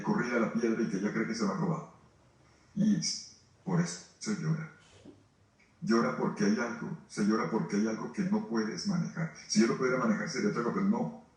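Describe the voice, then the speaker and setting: Male priest, emphatic preaching, heard from a distance in a very echoey room. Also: medium pitch. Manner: emphatic, rhetorical questions, speaks to listeners directly. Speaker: priest leading a grief retreat. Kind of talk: sermon. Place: formation house hall.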